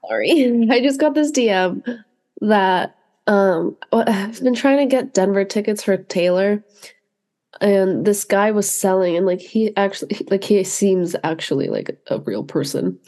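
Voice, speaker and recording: A young woman co-hosting a casual podcast chat, laughing often and reacting quickly. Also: medium pitch, lively intonation, a little mellow. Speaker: podcast co-host.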